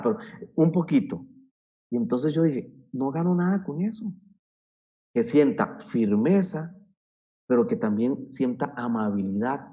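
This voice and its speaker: A man's voice: medium pitch, warm tone. A man giving an earnest teaching talk to parents, stressing points and repeating them. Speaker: speaker on parenting.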